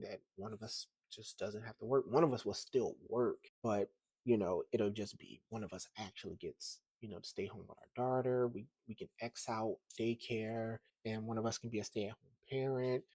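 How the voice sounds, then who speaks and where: A man's voice: on the low side, darkish tone, no room sound. A young man talking casually and candidly in a home vlog, hesitant, with many fillers and restarts. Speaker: comic book vlogger. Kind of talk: casual personal vlog monologue. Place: living room of a small apartment.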